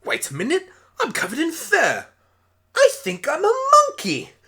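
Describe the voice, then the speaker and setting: Frantic Doctor Whooves, wildly swooping pitch acted out. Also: huge pitch swings, moderate pace, fairly bright tone, exaggerated voice. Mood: curious, puzzled. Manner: frantic, exclamatory, chattering to self. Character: frantic, excitable alien Doctor turned into a talking pony. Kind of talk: hobby radio play character acting.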